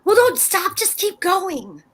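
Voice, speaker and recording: A woman plays a scheming wife in an old-time radio comedy, delivering theatrical exclamations in a very high, sing-song voice that is slow and fairly bright. She's bossy and wheedling, bluffing with constant confidence in a heavily acted performance.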